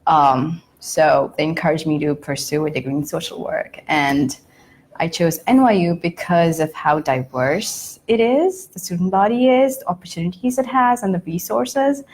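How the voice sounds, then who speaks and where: Woman from india, student panelist, earnest, lowish voice, faint background hum. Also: moderate pace, darkish tone. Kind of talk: answering panel questions.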